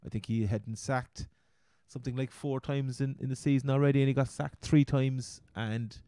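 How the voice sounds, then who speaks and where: A man's voice: mid-range voice, fairly even intonation, normal speed, dark tone, dry recording. An Irish man with a Cork accent hosting a casual sports chat, rambling and often repeating his words. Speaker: podcast host. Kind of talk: casual chat, fantasy football commentary.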